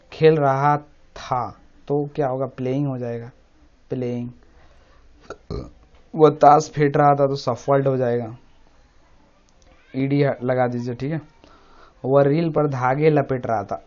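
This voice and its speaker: A man teaching English grammar, speaking at a middle pitch. He explains step by step, says each key word several times, and keeps asking whether the listener follows. The recording is dull and lo-fi. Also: steady tone, unhurried, pauses often, darkish tone. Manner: repeats key words often, asks the listener "samajh rahe hain na?".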